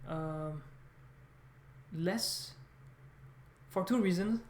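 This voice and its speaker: A French-speaking vlogger who is learning the language chats unscripted to his viewers, rambling and halting as he repeats words and corrects himself. His voice is high-pitched, and the recording carries a noticeable room echo plus a faint hiss or hum.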